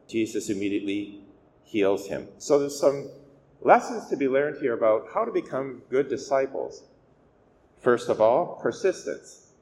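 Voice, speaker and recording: A man speaking as a priest giving a scripture reading and homily, measured and deliberate with emphatic key words, his voice echoing as in a cathedral. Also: mid-range voice, darkish tone. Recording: echoey church reverb, clear background noise.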